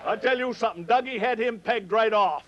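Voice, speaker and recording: Telling comic tales in a rustic Maine dialect, this Maine-accented storyteller needles his live audience from the stage. He speaks fairly quickly in a very high, slightly bright voice, captured in a muffled recording with slight background noise.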